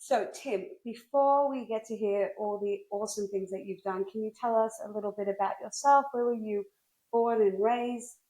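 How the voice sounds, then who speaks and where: A woman's voice: medium pitch, steady tone, normal speed, dark tone. A woman hosting an interview podcast, friendly and encouraging toward her guest. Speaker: podcast host.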